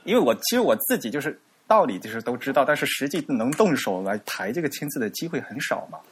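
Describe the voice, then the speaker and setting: A man's voice: medium pitch, sing-song, quick pace, slight background noise. A man co-hosting a podcast, talking casually and unhurriedly with many fillers. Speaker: podcast co-host. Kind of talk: casual chat.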